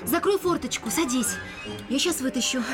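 A woman voicing a young girl in a radio play, soft, tender and anxious. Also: sits high, expressive, moderate pace, over music. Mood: caring. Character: young girl Gerda, gentle and caring.

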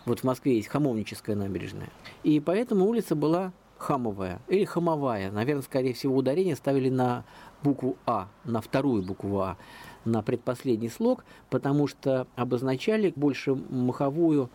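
On a radio interview, a local historian with a medium-pitched voice talks fairly quickly. He goes on at length, discursive and chatty, spinning his stories in a lively way.

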